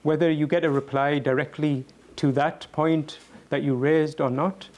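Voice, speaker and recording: A man speaking reflectively as a guest answering questions, earnest and halting, often repeating words as he goes. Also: a little high, fairly even intonation, darkish tone.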